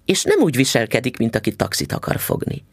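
A man reading an audiobook, voicing an excited, eager young child with a high, breathless voice. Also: creaky, slightly rough, no room sound, studio quality, full character voice. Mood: curious.

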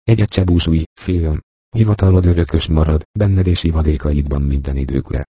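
A man voicing a bewildered boy king from a read-aloud storybook, grand in his decrees yet kind. The voice is very deep and dark with a husky grain. The reading is close and dry. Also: dry recording. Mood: commanding. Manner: puzzled questioning, then generous decrees.

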